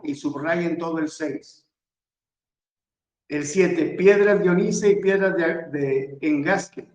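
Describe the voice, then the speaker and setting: A man's voice: fairly high pitch, echoey room, poor audio. A man giving a verse-by-verse scripture lesson, methodically telling his listeners which words to underline and circle. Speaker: Bible teacher.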